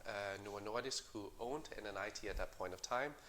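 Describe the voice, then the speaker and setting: Bright-voiced man with faint noise. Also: on the low side. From Denmark. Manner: measured, many fillers and restarts. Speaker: company co-founder and CEO. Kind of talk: interview answers.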